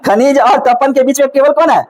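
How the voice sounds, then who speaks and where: Speaking fairly quickly at an extremely high pitch, a man with a Bihari Hindi accent teaches a classroom reasoning lesson on a low-quality recording. He keeps asking the class questions and patiently coaxes them through the puzzle, repeating each step.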